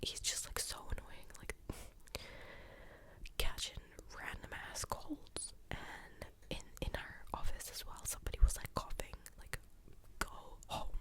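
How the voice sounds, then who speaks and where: Young woman's clicky ear-to-ear whisper. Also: unhurried. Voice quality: breathy, clicky unvoiced whisper. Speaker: ASMR creator telling stories. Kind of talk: ASMR whispered storytime ramble. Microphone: close ASMR stereo mic at the ear.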